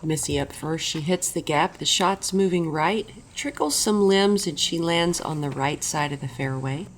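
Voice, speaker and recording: A woman's voice: low voice, normal speed, low-quality recording. A woman commentating on a disc golf tournament in a golf commentator's style, describing play over footage. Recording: music behind the voice. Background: background music.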